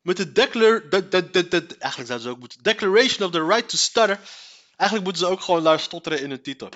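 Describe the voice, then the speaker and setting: A man's voice: sits high, expressive, fast, a bit bright, muffled recording. A young man giving crude, mocking commentary in a casual, profane style, often laughing. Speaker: streamer reacting to a news item.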